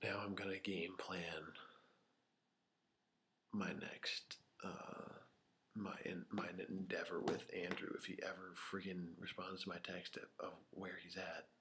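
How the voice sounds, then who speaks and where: A man's voice: deep voice, flat delivery, measured pace, fairly bright tone. A young man telling rambling stories to his camera in a small empty room, with many fillers, sometimes dropping to a whisper. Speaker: vlogger. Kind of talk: unscripted casual storytelling to camera. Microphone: camera microphone.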